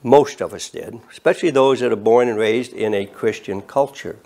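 A man of eighty preaching an earnest, measured sermon from a podium and rising in emphasis on key words. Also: medium pitch, creaky, warm tone. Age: 80s. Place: studio set with bookshelves and flags.

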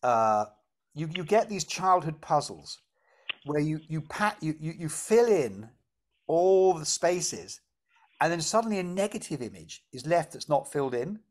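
Lively man teaching. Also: on the high side, a little slow. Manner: animated, lively, laughs at his own examples. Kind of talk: explaining a meditation exercise.

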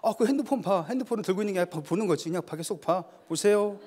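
A man's voice: sits high, racing, darkish tone, long reverb tail. A male pastor preaching a sermon, telling stories with acted dialogue and building to emphatic calls. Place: church sanctuary.

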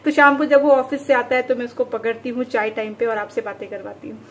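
A young woman vlogging at home, chatting very fast and easily. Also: fairly high pitch, little pitch movement, fairly bright tone. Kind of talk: casual home vlog chat.

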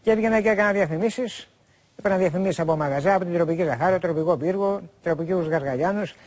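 A man in his forties from Greece speaks as a talk-show guest with a slightly raised pitch. He rambles earnestly, circles back to the same points and acts out other people's lines in long quotes. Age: 40s. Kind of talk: rambling confessional chat.

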